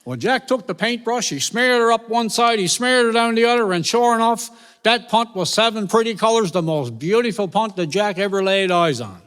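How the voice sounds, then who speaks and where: A man with a Newfoundland accent telling a folk tale live at a concert, lively and folksy. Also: high voice, moderate pace, clear, resonant tone. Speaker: storyteller. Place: concert venue, with audience. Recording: reverberant live concert hall.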